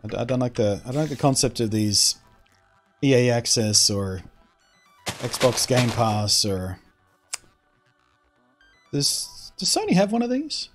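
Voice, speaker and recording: A male streamer talks loosely to his viewers in a mid-range voice, neither high nor low. He rambles and often restarts his sentences while he airs his opinions. Faint music plays in the background. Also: big pitch swings, a little slow, pauses often. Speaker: streamer answering chat. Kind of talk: casual live-stream chat.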